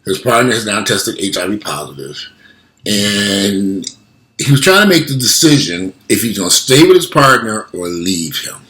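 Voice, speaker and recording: Toothless man, blunt and low-voiced. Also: big pitch swings, normal speed, sharp tone, poor audio. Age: late 40s. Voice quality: toothless speech, missing teeth. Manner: blunt, emphatic, repeats himself. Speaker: vlogger. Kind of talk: casual talk to social media followers.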